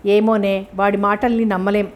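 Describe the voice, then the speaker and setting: A determined, earnest grown man from an audiobook thriller, read by a woman narrator. He speaks with defiant resolve. The voice stays at a middle pitch. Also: level tone, moderate pace, close to an everyday voice.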